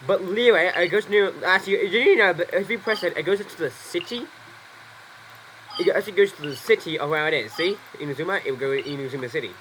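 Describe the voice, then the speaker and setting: A young man casually commenting on his gameplay, rambling and excitable, swearing often. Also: sits high, fast, a little hiss or hum, rough recording. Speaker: gaming YouTuber. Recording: voice over loud game music.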